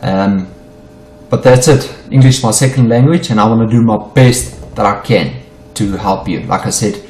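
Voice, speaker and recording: A middle-aged Afrikaans-speaking South African who teaches forex talks through charts in an unedited screen-share lesson, stumbling and repeating himself. His voice is lowish and a little mellow, at normal speed, in a reverberant space.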